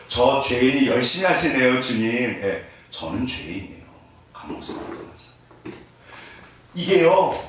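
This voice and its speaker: A pastor delivers his sermon with a voice that leaps wildly up and down, pitched a little high for a man. He talks with humor and pokes fun at himself. The sound is very roomy and heard from a distance, across a church sanctuary. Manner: humorous, self-deprecating, animated with laughter.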